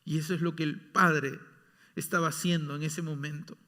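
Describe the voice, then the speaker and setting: Male pastor preaching slow, high bright voice, goes loud then whispery, long church reverb. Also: little pitch movement. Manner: emphatic, shifting between loud exclamations and soft whispers. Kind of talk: sermon. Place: church sanctuary.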